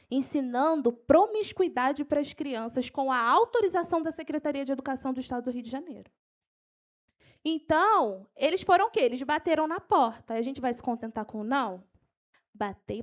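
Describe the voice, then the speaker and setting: A high-pitched woman teaches evangelism to a church group. She speaks with fervent energy, pushing her voice upward when she gets excited, then slowing down deliberately so listeners can note down verses. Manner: animated, gets carried away, then slows down to dictate verses. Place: church hall.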